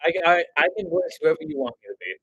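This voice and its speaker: A man's voice: on the high side, sing-song, fast, fairly bright tone, breathy edge, dry recording, dull audio. A man chatting loosely and jokingly with his viewers as a stop-motion creator on a casual livestream.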